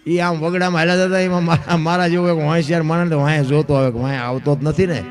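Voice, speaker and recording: High-voiced rustic man telling folk tales. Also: steady tone, fast talker, soft background music. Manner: rustic, addresses listeners as bapu, acts out dialogue. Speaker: folk storyteller. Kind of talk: Gujarati village folk tale telling.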